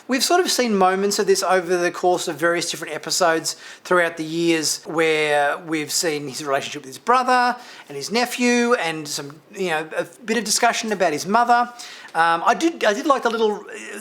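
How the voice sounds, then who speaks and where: Higher-voiced man giving a rambling review. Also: fairly bright tone. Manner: rambling, with many fillers and restarts and light laughs. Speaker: TV review channel host. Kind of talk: casual spoken episode review.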